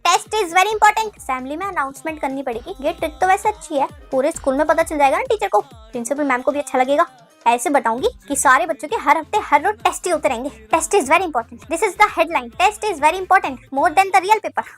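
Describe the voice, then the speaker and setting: A woman's voice: high voice, animated, fairly quick, soft background music, pitched below the performer's own voice. A woman playing a strict female teacher obsessed with tests, bossy and scolding, mixing in broken English.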